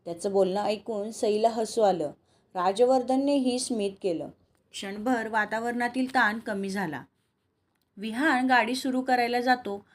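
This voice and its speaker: A woman reading a romantic serial story aloud, voicing every character in her own voice. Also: a little high. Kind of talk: scripted story narration with dialogue.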